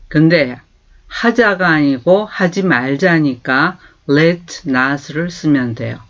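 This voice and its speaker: A man teaching English to beginners and seniors, saying each phrase slowly several times and explaining it in Korean. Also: mid-range voice, dull audio. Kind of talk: slow, patient English lesson for seniors.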